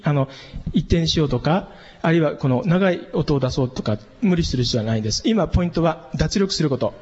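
Husky man teaching relaxed breathing. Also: on the high side. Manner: calm, instructive, demonstrates relaxed breathy exhalations. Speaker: voice and breathing instructor. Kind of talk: spoken vocal training lesson with demonstrations. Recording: long reverb, dull lo-fi sound.

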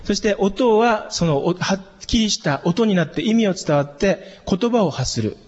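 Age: unknown. Sex: man. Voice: high. Role: vocal coach for church worship singing. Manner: patient, step by step. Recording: dull, long hall reverb. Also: expressive, normal speed. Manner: patient, explains step by step and sings vowel demonstrations. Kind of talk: voice and diction lesson.

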